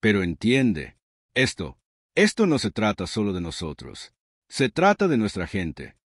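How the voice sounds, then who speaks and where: Man voicing a proud alien queen, calm, firm, lowish voice, lively rise and fall, dry close sound. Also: measured pace, breathy edge, no room sound, exaggerated voice.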